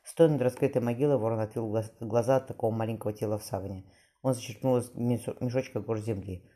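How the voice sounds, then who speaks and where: Male audiobook narrator, fast, very dark tone, occasional restarts. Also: on the low side, fairly even intonation. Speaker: audiobook reader.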